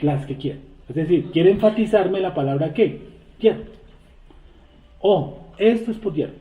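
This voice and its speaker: A man's voice: sits high, expressive, normal speed. A man leading a scripture study class. He reads verses aloud and keeps asking the group rhetorical questions. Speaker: Torah study teacher. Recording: tinny, echoey phone-like recording.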